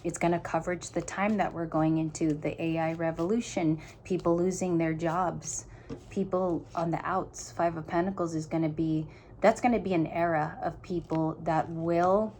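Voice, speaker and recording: A woman with a fairly low voice talks through a tarot spread in a casual way. She muses aloud and breaks off and restarts her sentences. She speaks earnestly and directly to whoever is listening, with a faint hiss behind her. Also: fairly even intonation, normal speed, darkish tone. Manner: musing aloud, stop-start phrasing. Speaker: tarot reader. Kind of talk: casual tarot reading to viewers.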